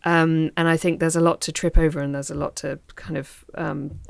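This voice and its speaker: A woman from Australia speaks in a very low, gravelly voice, recorded dry and close. She muses over her reading, pausing to search for the right words. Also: level tone, dry recording. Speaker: author guest. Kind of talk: literary discussion.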